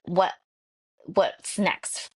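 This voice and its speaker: A woman hosting a podcast interview, affirming her guest with frequent murmurs of agreement. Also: drawn-out words. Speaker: podcast host. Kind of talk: interview talk.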